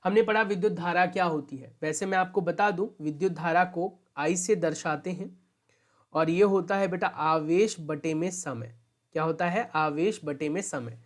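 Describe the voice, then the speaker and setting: Low-voiced teacher, patient, repeating. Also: female voice, moderate pace. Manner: addresses students as "beta", repeats questions and answers. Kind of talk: classroom lesson explanation.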